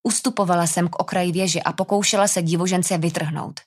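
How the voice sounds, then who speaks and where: Woman audiobook narrator, low-pitched, tense dramatic first-person reading. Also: fairly even intonation, darkish tone.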